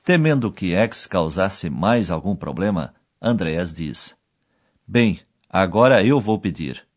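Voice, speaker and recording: Lively low-voiced male course narrator. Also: slow pace. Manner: explains each phrase, then quotes the foreign words. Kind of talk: scripted narration.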